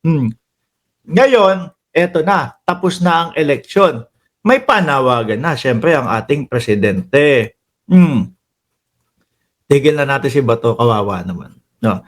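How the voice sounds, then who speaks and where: A Filipino-accented man hosting a casual political commentary stream, chatty and quick to laugh, calling out to his viewers. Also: mid-range voice, expressive. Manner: chatty, laughs often, addresses viewers as bossing and kababayan. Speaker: political commentary livestream host.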